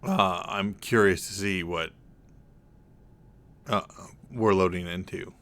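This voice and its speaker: A young man narrates his gameplay in a low, deep voice. He speaks slowly and rambles, pausing and correcting himself as he goes. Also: a bit bright. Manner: rambling, drawn-out, self-correcting. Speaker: let's play gamer. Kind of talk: casual gameplay commentary.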